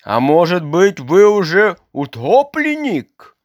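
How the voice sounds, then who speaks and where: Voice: mid-range voice, very animated, slow, no room sound, muffled recording, voice pushed up. A reader doing a haughty, snorting big fish. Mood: suspicious. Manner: snorting, indignant. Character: big haughty female fish, touchy and proud. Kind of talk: storybook reading.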